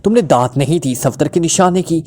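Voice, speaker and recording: A man's voice: a little high, lively intonation, a little fast, warm tone, voice pushed up. A man voicing a flippant, unflappable male detective who teases and mocks in a breezy way. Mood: teasing. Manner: breezy, mocking, teasing.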